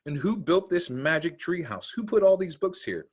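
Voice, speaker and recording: Man voicing a puzzled young boy, slightly raised pitch. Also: sing-song, normal speed, husky. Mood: puzzled, amazed. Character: young schoolboy Jack, puzzled and wondering. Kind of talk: children's storybook read aloud.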